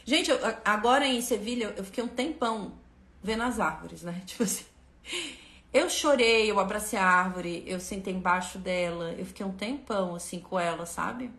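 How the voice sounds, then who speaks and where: A woman's voice: medium pitch, normal speed, a bit bright, reverberant. A woman hosting a spiritual lesson on a live stream, speaking fervently and emphatically, repeating phrases and turning to her viewers.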